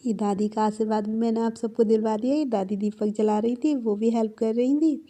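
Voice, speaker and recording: A woman's voice: on the high side, fairly even intonation, fairly quick, mellow, a little hiss or hum. Chatty young woman narrating a home vlog. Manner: chatty, affectionate, laughs often. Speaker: vlogger. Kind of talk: casual festival vlog narration.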